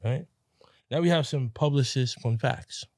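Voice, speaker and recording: A man's voice: mid-range voice, measured pace, darkish tone, no room sound. Brief: male podcast host, easy interview tone, dry close mic. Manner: frequent "right" backchannels, friendly questions.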